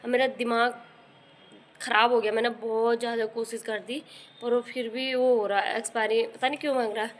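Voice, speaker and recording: A young woman and mother vlogging in casual chat, rambling with many pauses and fillers, and rising into high, coaxing calls when she talks to her baby. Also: fairly even intonation, a little hiss or hum. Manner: rises into high, loud, coaxing tones when calling the baby.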